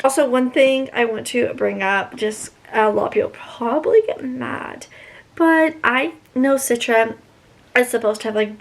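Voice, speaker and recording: A young woman in her early twenties, reading a book aloud and reacting with excitable, gushing chatter full of fillers and gasps. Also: a little high, vocal fry. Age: young adult. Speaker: book vlogger.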